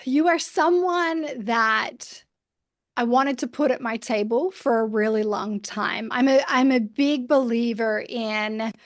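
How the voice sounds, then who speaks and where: A woman with a Canadian accent and a fairly high voice hosts a conversation at an unhurried pace. She is earnest and places deliberate emphasis, in a dry, close recording. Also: dry recording. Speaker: podcast host. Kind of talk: conversational interview introduction.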